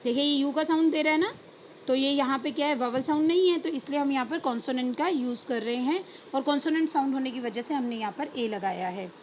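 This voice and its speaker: A woman with an Indian accent explaining grammar as a teacher, asking students questions and answering them herself, drawing out example words slowly. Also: high voice. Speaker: English teacher. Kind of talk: classroom lesson explanation. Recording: dull lo-fi recording with faint noise.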